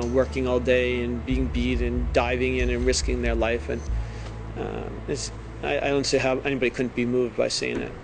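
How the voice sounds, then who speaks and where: Gravelly man, music behind him. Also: medium pitch. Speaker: teacher. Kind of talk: interview-style storytelling and explanation.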